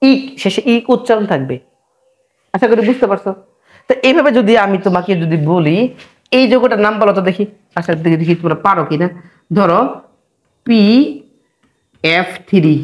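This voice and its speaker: A man gives a chemistry lesson at a coaching center. He speaks in a steady, patient classroom manner, stretching out important terms and repeating them. He asks rhetorical check questions again and again to keep students with him. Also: sits high. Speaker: chemistry tutor. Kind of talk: classroom lecture.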